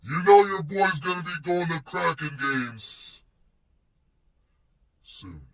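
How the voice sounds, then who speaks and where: A vlogger and show host chats about wrestling in a casual vlog, his talk rambling, slangy and playful, with plenty of swearing. He sounds animated, speaking at a slow pace in a fairly bright voice on the high side, recorded from a distance.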